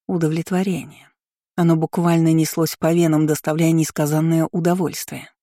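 A woman narrating a first-person novel as an audiobook, in a steady storytelling read. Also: deep voice, normal speed, no echo, studio quality. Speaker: audiobook reader.

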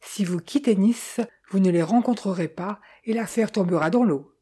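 A woman voicing a calm, decisive young fiancée who talks in a composed, gently persuasive way. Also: mid-range voice, normal speed, slightly rough, lightly acted.

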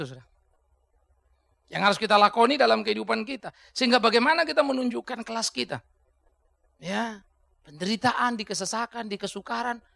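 A male pastor preaching a sermon in a colloquial way, swinging between hushed asides and loud outbursts. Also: very high-pitched, creaky, no room sound.

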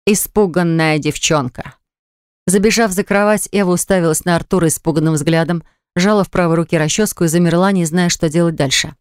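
A woman narrating an audiobook in a steady, measured reading. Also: lowish voice, smooth, dry recording, studio quality. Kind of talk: scripted narration.

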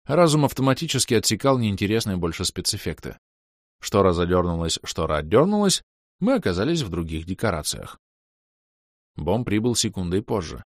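A man reading a fantasy novel aloud in a wry, lively storytelling manner. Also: sits low, fairly quick, no echo, clean studio sound. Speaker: audiobook narrator. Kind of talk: scripted narration.

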